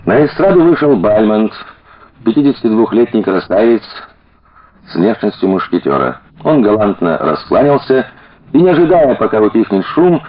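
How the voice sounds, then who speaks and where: A male audiobook narrator with a low, husky voice tells the story in a measured way. His delivery is lively in pitch, and the recording sounds dull and lo-fi. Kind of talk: scripted narration.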